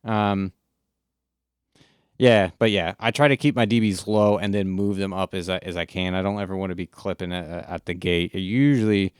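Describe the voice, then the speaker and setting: A man's voice: deep voice, normal speed, clear, resonant tone, no echo. A man streaming from his home studio, chatting casually with his audience, laid-back and rambling, swearing often. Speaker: music streamer. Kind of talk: casual live-stream chat.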